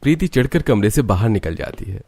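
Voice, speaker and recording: Male narrator, low voice, scripted storytelling, even delivery. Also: fairly quick, vocal fry.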